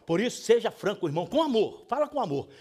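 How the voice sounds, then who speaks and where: High, animated Brazilian pastor preaching. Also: male voice, fast, slightly rough. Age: middle-aged. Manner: swings from hushed pleading to loud scolding; emphatic, preacherly. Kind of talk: sermon.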